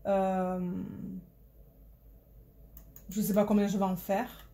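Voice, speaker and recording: A Marseille woman with a Marseille French accent chats casually to her phone for her diamond painting vlog, wandering off track and searching for words. She takes it slowly, with a medium pitch, little pitch movement, and a dark tone.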